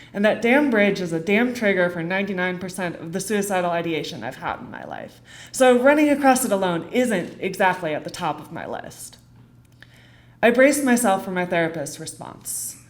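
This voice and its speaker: On a theater stage, a young American woman with a mid-range voice reads a rehearsed personal essay. Her delivery is earnest and deliberate, built from short phrases and dramatic pauses.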